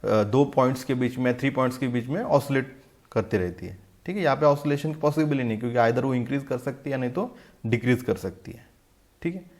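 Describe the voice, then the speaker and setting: A man teaching a university maths lesson in Hindi mixed with English, often asking the class rhetorical questions and reading English definitions out slowly. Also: medium pitch, darkish tone. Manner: asks the class rhetorical questions, says "theek hai" often. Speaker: math lecturer.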